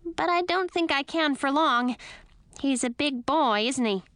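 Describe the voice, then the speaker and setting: Squeaky fretful bat. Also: female voice, unhurried, a bit bright, dry recording. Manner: high, complaining, fussy. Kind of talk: audiobook character voice.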